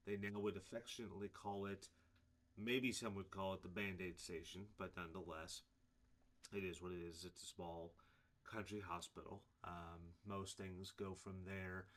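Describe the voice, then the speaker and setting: A man's voice: sits low, fairly bright tone. A man in his forties from Illinois, a preacher telling his life story in a casual, rambling way with many fillers. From Illinois, USA. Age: 40s. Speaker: preacher giving his testimony. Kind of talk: casual personal testimony to camera.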